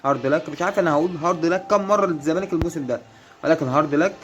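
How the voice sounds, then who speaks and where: Over soft background music and lo-fi sound, a man with an Egyptian Arabic accent talks rapid-fire in a slightly high voice. He is a football fan vlogger casually addressing rival supporters, teasing them with mock sincerity and continually offering reassurances.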